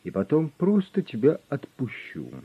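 A man voicing a calm, menacing middle-aged gang boss who mocks his captive with cold smugness. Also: fairly high pitch, normal speed, husky, phone-quality sound, voice pushed up, heavily acted. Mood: cold, mocking. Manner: smug, coldly mocking.

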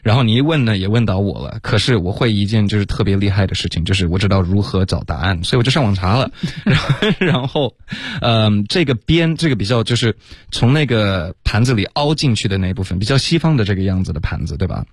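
Guy teacher on a radio lesson, lowish voice, chill chatty explaining, dry studio sound. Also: dry recording. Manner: relaxed, laughs often, drawn-out fillers. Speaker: English teacher, co-host. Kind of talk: casual explanatory chat mixing in English.

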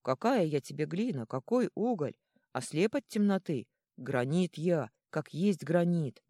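A woman voicing a touchy, gruff male stone troll in a storybook, speaking loudly. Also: low-pitched, lively intonation, measured pace, no echo, clean studio sound. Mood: offended.

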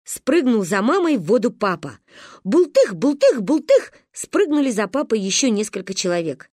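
A woman narrating a humorous storybook aloud, with lively, expressive telling. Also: medium pitch, fairly quick, no echo, studio quality. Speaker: audiobook narrator.

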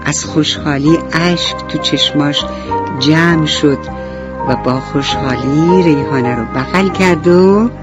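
Gentle woman bedtime storyteller. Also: sits low. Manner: gentle, talks warmly to children. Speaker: children's storyteller. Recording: dull radio recording with faint music.

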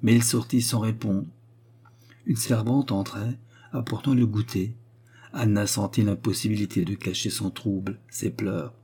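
A man reading a novel aloud as an audiobook narrator, measured and expressive. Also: fairly low pitch, slightly rough. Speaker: audiobook reader.

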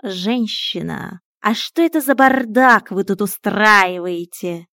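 A woman voicing a wise, sardonic old male talking cat who speaks in a slow, stern, mocking drawl. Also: mid-range voice, expressive, a bit bright, no room sound, clean studio sound.

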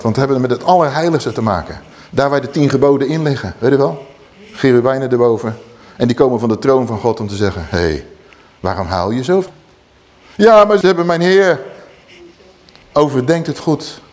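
A man teaching on a Bible passage in sermon style, emphatic and addressing his listeners directly. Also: on the high side. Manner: animated, emphatic, acts out scripture quotes.

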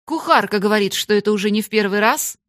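A woman voicing a harsh adult schoolmistress who scolds and shouts furiously at a servant girl, in a storybook reading. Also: mid-range voice, fast, no room sound, clean studio sound, natural voice.

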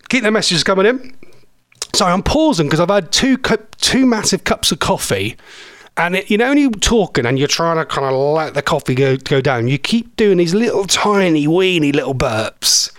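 Chatty radio host, dry sound. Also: male voice, on the high side, sing-song, moderate pace, a bit bright, no echo. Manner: chatty, rambling, self-deprecating. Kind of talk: casual radio chat. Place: radio studio. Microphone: studio microphone.

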